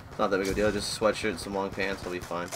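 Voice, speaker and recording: A man's voice: low-pitched, flat delivery, very fast, a bit bright, slight background noise. Rambling twenty-something gamer man. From Florida, USA. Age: 20s. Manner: rambling, easily distracted by the match. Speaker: gaming YouTuber. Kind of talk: live gameplay commentary.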